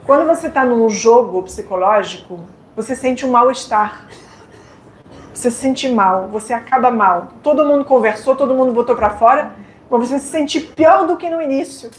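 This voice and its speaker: Speaking at a moderate pace in a fairly high voice, a woman from France lectures live with a French accent. She's direct and playful, often asking the audience questions, and the hall audio echoes with slight background noise.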